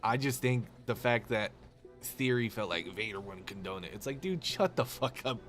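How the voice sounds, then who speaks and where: A man ranting on a live game stream, animated, sarcastic and full of swearing. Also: fairly low pitch, moderate pace, soft background music. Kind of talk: casual live-stream rant.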